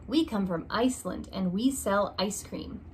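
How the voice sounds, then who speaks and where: Indoors in a small room by a curtained window, a young woman reads a children's alphabet picture book aloud, slowly and deliberately, stressing each opening letter. Her medium-pitched voice is animated and recorded close on a phone or laptop. A faint hum of room ambience sits underneath.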